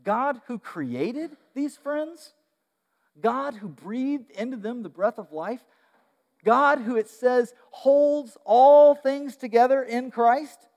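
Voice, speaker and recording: A high-pitched male preacher tells the story animatedly in a sermon, often stopping for fillers and restarts. His voice rings with a long reverb, as in a large church hall. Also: takes it slowly, a little mellow.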